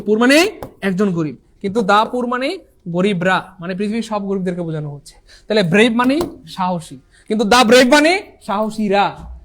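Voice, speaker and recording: A tired man runs an online English class, repeating each rule several times with emphasis. His voice sits high and his words come quickly. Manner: repetitive, emphatic, addresses students as brothers and sisters. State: tired after a long class. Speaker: English teacher. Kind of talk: online exam-prep class.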